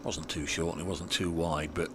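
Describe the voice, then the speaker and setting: A man's voice: a bass voice, level tone, normal speed. A man commentating conversationally on cricket, filling in players' records and statistics. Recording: clear background noise, match ambience.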